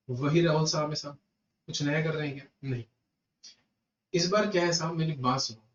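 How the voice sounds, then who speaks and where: An Indian man teaching a class with a slightly high voice, circling back over each point as he talks straight to his students. He sounds roomy and set back from the mic, a bit muffled. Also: a little hiss or hum. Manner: animated, repeats points, addresses students as "beta" and "sahab". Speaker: GST lecturer. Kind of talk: classroom lecture. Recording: echoey room, distant muffled mic.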